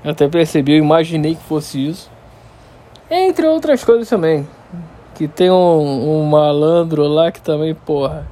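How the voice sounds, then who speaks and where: A man with a Carioca accent ranting casually and unscripted in Rio street slang, swearing heavily, stammering and repeating words as he tells things in an animated way. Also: fairly high pitch, unhurried. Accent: Carioca, Rio de Janeiro. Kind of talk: casual unscripted solo rant.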